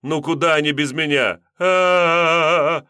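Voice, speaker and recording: A man voicing a rough male thug turned eager servant, talking loudly and shouting. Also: medium pitch, lively intonation, unhurried, no echo, studio quality, voice pushed up. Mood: pleading.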